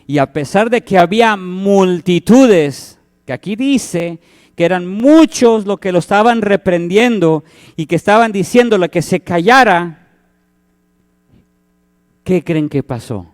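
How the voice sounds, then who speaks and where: A man's voice: high voice, animated, a little slow. A man, preaching a sermon as pastor, who acts out the cries and quoted voices in his story.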